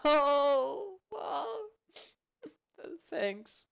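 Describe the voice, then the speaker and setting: A man voicing a tearful young girl healer who breaks into high, cracking sobs. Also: lively intonation, drawn-out words, no echo, studio quality. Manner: sobbing, high cracking squeals. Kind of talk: amateur video game fan dub.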